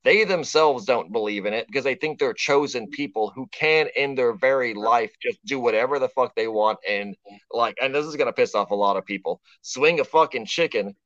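A man's voice: mid-range voice, moderate pace, fairly bright tone, no room sound. Blunt, profane man on a dry, dull line. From Texas. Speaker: podcast guest. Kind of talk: casual podcast conversation. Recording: dull, dry lo-fi remote audio.

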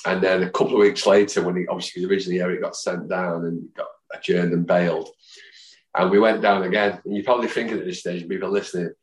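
A man's voice: low voice, fairly even intonation, fast talker. A man, a guest telling long, rambling stories in a podcast chat and acting out the people he quotes. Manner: rambling, chatty storyteller who acts out quotes. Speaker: guest, fan songwriter. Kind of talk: anecdotal storytelling in a podcast chat. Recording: roomy echo.

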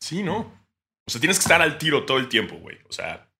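A young man with a Mexican accent trades jokes on a casual podcast and laughs often. His voice is very bright and his pitch swings widely, and now and then he breaks into loud mock shouting. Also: big pitch swings, fast talker, gravelly, slight background noise. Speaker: podcast co-host. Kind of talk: casual comedic chat.

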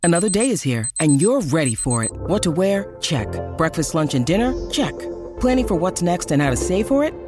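A woman reading a scripted commercial in a brisk, upbeat manner. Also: lowish voice, big pitch swings. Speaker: ad announcer. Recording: music bed behind voice.

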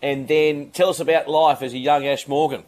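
Radio host asking long questions. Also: male voice, on the high side, steady tone, normal speed, darkish tone. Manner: friendly, wordy questions. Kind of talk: radio interview.

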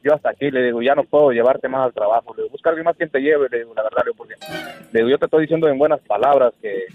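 A man's voice: mid-range voice, very fast, dry recording, faint music behind. A man calling in to a radio show, rambling through a personal story and repeating himself as he tells it. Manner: rambling, repeats "le digo" and "Diva". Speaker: radio caller. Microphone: phone. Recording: tinny phone line.

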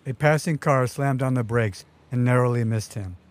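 A man's voice: medium pitch, normal speed. A man narrating his own memoir story in a vivid, wry storytelling manner. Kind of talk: first-person memoir narration.

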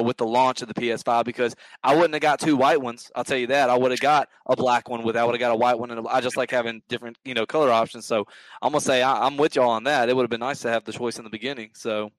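Brief: male, Southern US accent, fast casual podcast chat, folksy and informal, dry close sound. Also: medium pitch, fairly even intonation, no echo, rough recording. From Mississippi, near Memphis, USA.

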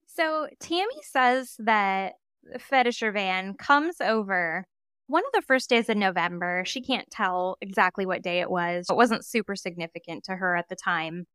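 Female podcast co-host, smooth resonant voice, lively casual narration, very dry sound. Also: medium pitch, dry recording. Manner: animated retelling, acts out quoted witnesses. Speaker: true crime podcast co-host. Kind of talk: casual storytelling.

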